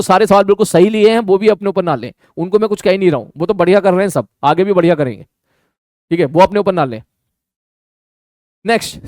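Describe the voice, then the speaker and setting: A man's voice: high-pitched, darkish tone, no room sound, studio quality. A man teaching maths in an online lecture, talking casually and answering his own questions. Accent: Hindi.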